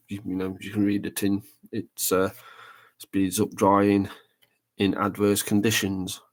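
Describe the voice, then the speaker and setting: A man chatting casually on a live stream while painting a model, rambling and thinking aloud as he works. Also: fairly low pitch. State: talking with a brush in his mouth.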